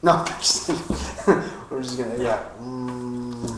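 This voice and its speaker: A man's voice: medium pitch, monotone, slow pace. A man co-hosting a live call-in radio show in a casual, joking way, laughing often. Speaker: co-host. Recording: echoey room, faint noise.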